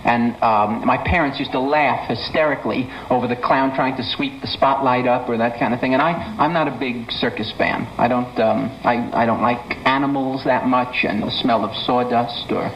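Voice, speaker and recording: A man's voice: mid-range voice, fairly even intonation, a bit bright. A man hosting a talk show with casual comic chat, stammering and interrupting himself as he goes. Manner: halting, stammering, self-interrupting. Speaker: guest host of a talk show. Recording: dull, noisy 1970s TV studio.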